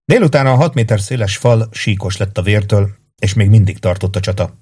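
A male audiobook narrator with a lowish voice, telling a battle tale in steady, even scripted narration. His delivery stays level throughout. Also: husky.

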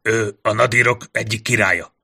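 A man narrating a fantasy audiobook in a steady storytelling manner. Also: lowish voice, creaky, slightly rough.

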